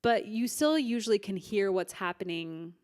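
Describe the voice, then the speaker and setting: A woman's voice: medium pitch, lively intonation, moderate pace, darkish tone, no echo, clean studio sound. A woman co-hosting a podcast, chatting casually in a giggly way with lots of "like". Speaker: podcast co-host. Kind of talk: casual chat.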